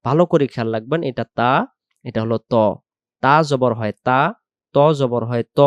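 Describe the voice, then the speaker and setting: A man teaching Quran pronunciation word by word. He draws out each word slowly in recitation, repeats it patiently, then explains quickly. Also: mid-range voice, no echo. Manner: slow drawn-out recitation alternating with quick explanations.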